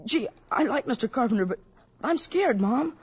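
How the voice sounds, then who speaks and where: A woman voicing an earnest, excited young boy in a 1950s radio drama, talking breathlessly and insistently. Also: a little high, moderate pace, breathy edge. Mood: scared.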